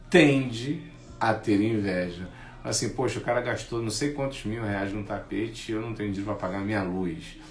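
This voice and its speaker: A man giving a casual talk about envy, lively, acting out what friends say in mocking voices. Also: mid-range voice, reverberant. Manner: animated, acts out quoted friends in mocking voices. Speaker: speaker on envy.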